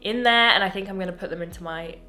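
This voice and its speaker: Chatting through makeup products at home, a young Englishwoman gushes and cuts herself off mid-thought, her slightly worn voice a little strained. Her medium-pitched delivery is quick, pushed, and bright, with faint music behind her.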